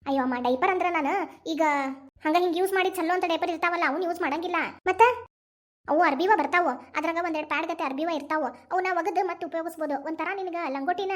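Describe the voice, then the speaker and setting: A woman voicing a gentle young cartoon mother who softly explains things, with a North Karnataka Kannada accent. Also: extremely high pitch, fast talker. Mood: explaining. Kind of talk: animated cartoon family drama dialogue.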